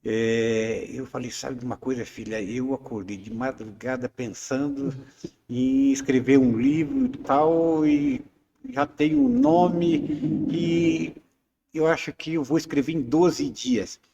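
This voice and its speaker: A man in his seventies speaks slowly and hesitantly as an interview guest, circling back with fillers and restarts. The recording is dull and muffled, with a long reverb tail. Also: medium pitch, expressive, creaky, mellow, slight background noise. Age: 70s. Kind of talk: casual interview chat.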